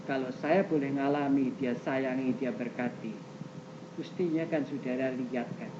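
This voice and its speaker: An older man preaching a sermon as pastor, questioning the congregation directly and swinging between loud high exclamations and soft low asides. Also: steady tone, moderate pace. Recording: muffled old tape recording with faint hiss.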